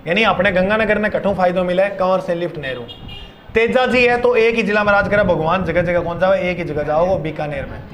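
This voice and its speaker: A male teacher lectures his class loudly and playfully, drilling students with call-and-response chants. His voice sits high and moves briskly.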